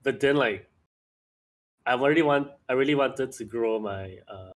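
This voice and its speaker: Male art streamer, average-pitched voice, blunt, complaining casual co-host. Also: normal speed. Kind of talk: casual podcast chat.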